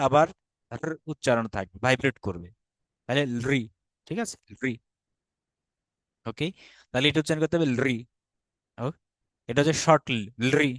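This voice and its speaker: A man's voice: fairly high pitch, fairly bright tone, dry recording. A man with a Bangladeshi Bengali accent teaching an online Sanskrit class, patient and often checking that students follow.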